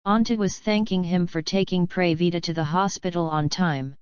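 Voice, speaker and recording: A woman narrating a story in a steady, even reading voice. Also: fairly low pitch, normal speed, clean tone, no echo, lo-fi sound.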